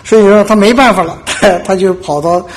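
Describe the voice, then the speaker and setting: A man's voice: high-pitched, normal speed, breathy edge. A man preaching a conversational sermon, telling Bible stories in a folksy way and checking with listeners. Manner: folksy storytelling, frequent "对吧" asides, acts out quotes.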